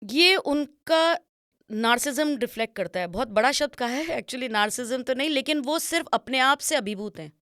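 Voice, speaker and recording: Woman, interview guest, image consultant; higher-pitched, instructive delivery, close dry mic. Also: lively intonation, moderate pace, fairly bright tone, no echo. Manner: instructive, mixes English phrases into Hindi. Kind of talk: explanatory interview answers.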